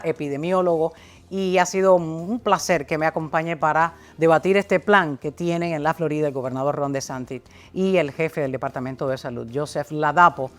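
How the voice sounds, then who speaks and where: Spanish-language talk show host woman. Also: low voice. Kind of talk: interviewing guests on a talk show.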